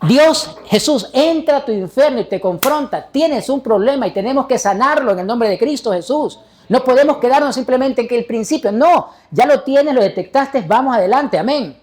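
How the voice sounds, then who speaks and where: A man's voice: very high-pitched, animated, moderate pace, a little mellow. A male pastor delivering a sermon, preaching emphatically and putting rhetorical questions to the congregation.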